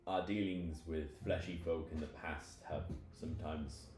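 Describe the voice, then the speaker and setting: A man voicing a calm, courteous mushroom creature elder who speaks slowly and formally. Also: extremely low pitch, roomy sound, soft background music, pitched below the performer's own voice.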